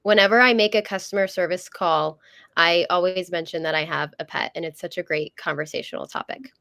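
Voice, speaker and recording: A woman's voice: lowish voice, fairly even intonation, a little fast, fairly bright tone, dry recording, studio quality. A woman on a webinar panel, upbeat and encouraging in casual chat.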